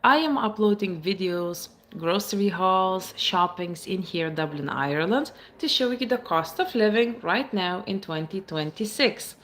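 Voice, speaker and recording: A woman's voice: medium pitch, lively intonation, measured pace, few pauses, a bit bright. A woman from the states, chatting casually on a phone live stream, reading viewer comments aloud and answering them. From Baltic states.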